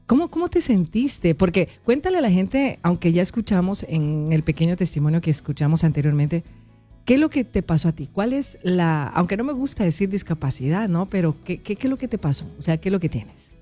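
A woman hosting a live online interview, talking in a warm, chatty way and often repeating herself. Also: lowish voice, big pitch swings, fairly quick, soft background music. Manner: warm, chatty, repeats herself while fixing tech trouble. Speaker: host.

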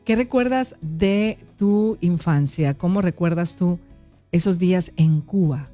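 A woman hosting a live online interview, talking in a warm, chatty way and often repeating herself. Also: fairly low pitch, unhurried, faint music behind. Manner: warm, chatty, repeats herself while fixing tech trouble. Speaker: host.

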